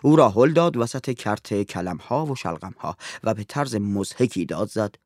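A man narrating a story in an expressive reading voice. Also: on the low side, no room sound, studio quality.

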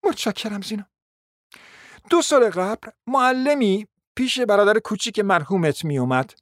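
A proud, scheming middle-aged mother , played by a man in a radio drama, pleading and insisting at length in a high voice. The recording is dry and close, with no room sound. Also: lively intonation, dry recording. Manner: pleading, insistent and long-winded.

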